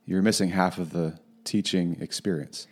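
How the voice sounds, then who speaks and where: A man's voice: deep voice, steady tone, normal speed. A man hosting a podcast interview, conversational and affirming as he asks follow-up questions. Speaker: podcast host.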